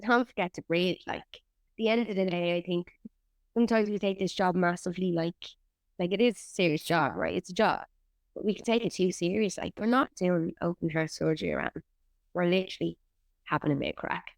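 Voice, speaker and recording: A woman's voice: on the low side, a little fast, gravelly, no room sound, studio quality. A woman, an actor and writer, chatting candidly in an interview and swearing freely. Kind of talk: casual interview chat.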